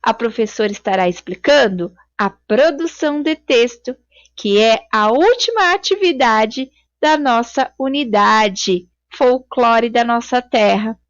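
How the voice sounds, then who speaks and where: A woman teaches children in a recorded video lesson, her voice high and lively, her explaining slow and patient. The sound is dry and slightly dull, like a lo-fi home recording. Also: no room sound.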